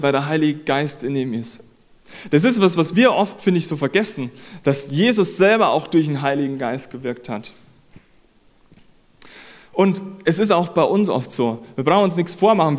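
A man preaching a sermon in an earnest, conversational way, repeating phrases for emphasis. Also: fairly high pitch.

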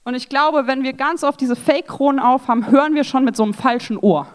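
A young woman giving a sermon talk at a church women's evening, lively and self-mocking, acting out what others say. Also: high-pitched, quick pace. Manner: lively, self-mocking, acts out quoted voices.

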